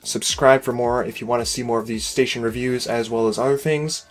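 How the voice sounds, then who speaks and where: With soft background music playing, a tired man whose voice is giving out rambles through gameplay commentary as a game station reviewer, critiquing a player-made space station while encouraging the builder, often saying "you know" and "uh." His voice is mid-range and brisk, with fairly even intonation.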